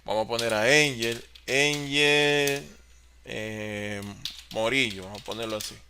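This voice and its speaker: A man teaching an online class on office software, explaining step by step and answering his own questions. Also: medium pitch, unhurried, slight background noise. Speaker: course facilitator.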